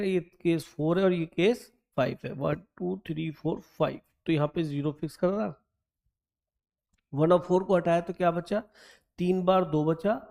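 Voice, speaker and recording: Step by step, a man explains an exam problem on a board, coaxing his maths students in mixed speech, addressing them as beta and counting out loud as he reasons. He has a high, warm voice.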